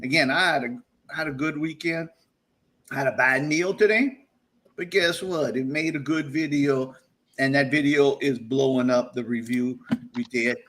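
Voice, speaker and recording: A man hosting a casual live-stream chat, loud and animated, laughing often and rambling through shout-outs. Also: medium pitch, moderate pace. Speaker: podcast host.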